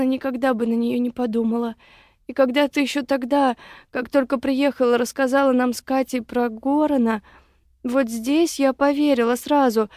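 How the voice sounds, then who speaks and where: A woman's voice: high voice, darkish tone, no echo, clean studio sound, voice pushed up, lightly acted. A woman voicing a village woman who earnestly consoles her friend.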